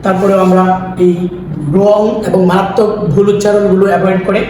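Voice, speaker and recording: Bangladeshi guy teaching english words, kinda high voice, repeats each one slow, far off the mic. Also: little pitch movement, heavy reverb, noisy background. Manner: repeats each word slowly and carefully. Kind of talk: language lesson.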